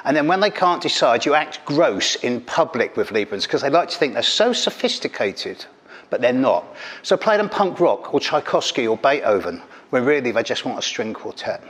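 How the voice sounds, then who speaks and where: This middle-aged English stand-up astrologer has a mid-range, fairly bright voice with big pitch swings, speaking at normal speed. He performs a caustic, teasing routine with punchy delivery into a handheld mic on the stage of an event hall.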